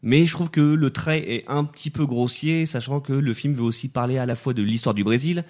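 A man's voice: mid-range voice, fairly quick, darkish tone. Rambling, thoughtful male film critic. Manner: talks at length, restarts, thinks aloud. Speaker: film critic on a festival podcast. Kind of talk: casual review chat.

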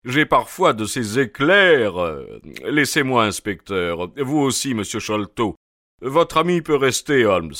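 A man voicing a stout, pompous police inspector with a husky, hoarse, breathless voice and a blustering, hemming manner. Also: medium pitch, sing-song, slow pace, pushed and bright, dry recording, clean studio sound, heavily acted.

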